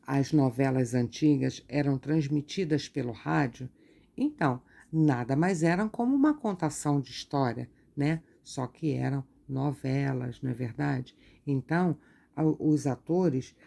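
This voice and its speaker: A woman teacher reads from a textbook during an art lesson and explains each point slowly, with tag questions. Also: low voice, creaky, dark tone.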